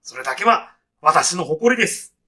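In a deadpan comic radio sketch, a man plays a timid, straitlaced salaryman who has just arrived in heaven. His voice is fairly high for a man and clearly bright, and he talks at normal speed with careful politeness, hesitating and holding back. It's a full, animated character voice, meek and earnest in mood.

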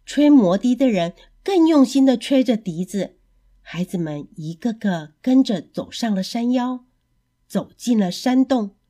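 A woman narrating a children's story in an expressive, animated way. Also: a little high, measured pace.

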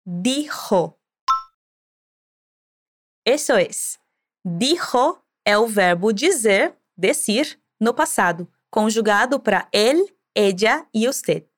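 A woman hosting a scripted language lesson, explaining clearly and encouraging the listener to repeat after her. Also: fairly high pitch, expressive, slow. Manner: clear, encouraging, drilling repetition. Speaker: language teacher host.

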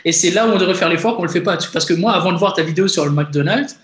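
A man's voice: high voice, rapid-fire, fairly bright tone, roomy sound, slight background noise. A young man from France hosting a podcast, chatting with enthusiasm, swearing casually and often tagging "tu vois". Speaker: podcast host.

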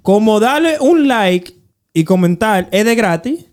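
A man with a notably high voice and a Dominican accent. He hosts a casual podcast, chatting in an emphatic, slang-filled style. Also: lively intonation, unhurried. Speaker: podcast host.

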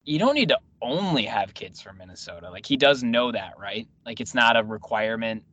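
A man's voice: mid-range voice, lively intonation, a little fast, pushed and bright. A man hosting a casual sports radio chat, wry and teasing, talking a lot. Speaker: radio show host. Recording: muffled lo-fi audio.

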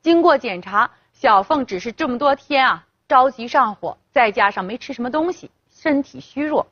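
Husky, expressive woman storyteller. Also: sits high, moderate pace, no echo. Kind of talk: scripted story narration. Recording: dull lo-fi, dry.

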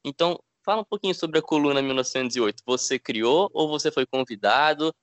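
A man's voice: a little high, fast talker, no echo. A man with a Brazilian Portuguese accent co-hosting a football podcast, introducing and asking questions casually. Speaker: podcast co-host.

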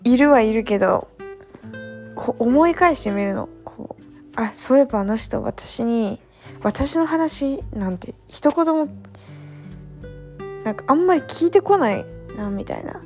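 A woman's voice: a little high, lively intonation, unhurried, pauses often, a little mellow, soft background music. A young woman talking in a casual late-night monologue, chatty and ranting, poking fun at herself. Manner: chatty, ranting, self-mocking. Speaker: vlogger.

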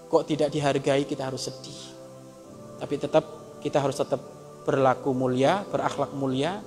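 A man preaching a sermon, moving between loud emphatic urging and soft, tearful appeals. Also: mid-range voice, steady tone, normal speed. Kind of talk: sermon to a congregation. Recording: long hall reverb, faint music behind.

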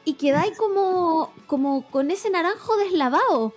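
A woman's voice: extremely high pitch, lively intonation, normal speed, faint music behind. A young woman with a Chilean accent co-hosting a casual podcast, talking in slang and laughing often. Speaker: podcast co-host. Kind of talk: casual chat.

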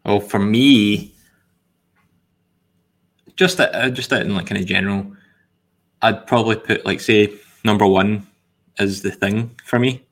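A man hosting a film podcast, talking in a relaxed, thoughtful way with lots of pauses. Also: on the low side. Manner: relaxed, thoughtful, hesitant with fillers. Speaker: podcast host. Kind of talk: casual film discussion.

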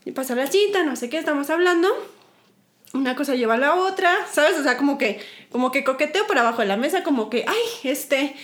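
A young Mexican woman telling a dating story in a casual podcast chat, animated and giggly, acting out her own lines. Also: high voice, brisk. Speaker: podcast co-host.

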